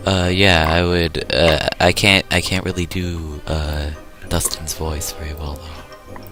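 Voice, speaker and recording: A man's voice: a bass voice, little pitch movement, slow pace, music in the background. A man co-hosting a casual podcast over a voice call, mostly giving short, dry replies. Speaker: podcast co-host. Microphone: voice-call mic.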